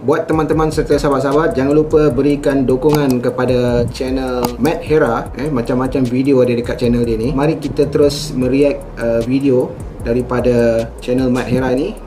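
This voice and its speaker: A man's voice: medium pitch, flat delivery, normal speed, background noise. A man with a Malaysian accent giving casual reaction commentary as a channel host, talking straight to viewers.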